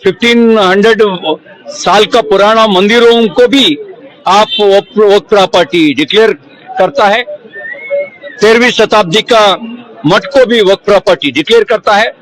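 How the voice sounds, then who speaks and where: A man giving a press statement as a politician, halting and repetitive, firing off rhetorical questions. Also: sits high, a bit bright, a faint crowd, rough recording.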